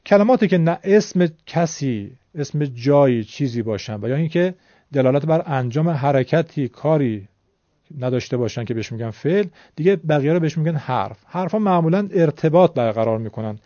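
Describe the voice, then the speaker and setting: A man's voice: fairly high pitch, expressive, warm tone, dry recording, highs cut off. A man teaching a Quran reading lesson, explaining patiently and politely to his viewers.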